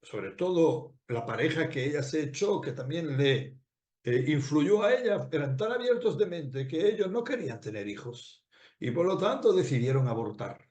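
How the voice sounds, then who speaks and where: Man, rabbi, storytelling sermon, high voice, roomy echo, animated, rhetorical questions. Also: normal speed.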